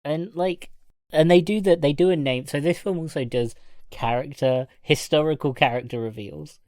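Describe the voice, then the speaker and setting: A woman's voice: deep voice, normal speed, darkish tone, no echo, studio quality. A woman co-hosting a podcast, reviewing a film in casual, rambling chat and laughing often. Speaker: podcast co-host.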